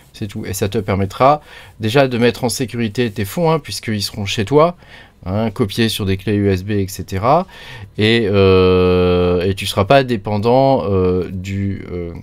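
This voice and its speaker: A man's voice: on the low side, no room sound. A man hosting a casual screen-recorded tutorial, rambling and chatty with many fillers, recorded close on a desktop mic. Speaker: crypto tutorial host.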